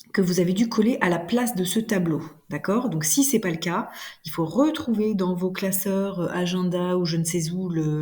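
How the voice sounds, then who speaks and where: A woman teacher giving a recorded grammar lesson, explaining slowly and deliberately with frequent hesitations. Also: lowish voice, a little mellow. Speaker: French teacher.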